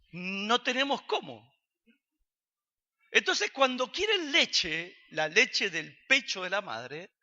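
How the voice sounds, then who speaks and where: A man's voice: sits high, bright, forceful tone. A man with an Argentine accent preaching a sermon, asking his congregation questions and answering them himself. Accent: Argentine Spanish. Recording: dull recording with long hall reverb.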